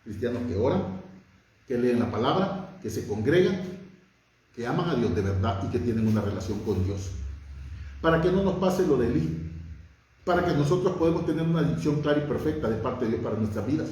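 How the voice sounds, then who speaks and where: A man's voice: mid-range voice, lively intonation, brisk, a little mellow. A man preaching a sermon, fervent and emphatic, his voice rising on key words. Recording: very echoey room, from far off.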